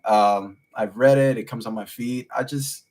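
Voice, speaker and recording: A man's voice: mid-range voice, fairly even intonation, normal speed, a little mellow. A man in his thirties, from New York City, co-hosting a casual podcast chat in a loose, rambling way with lots of fillers. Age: 30s. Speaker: podcast co-host.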